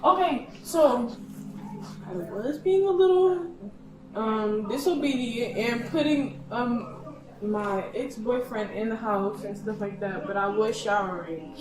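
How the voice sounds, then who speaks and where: A woman's voice: on the high side, slow pace, a crowd in the background. Distant, echoey young woman. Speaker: daughter speaking to police.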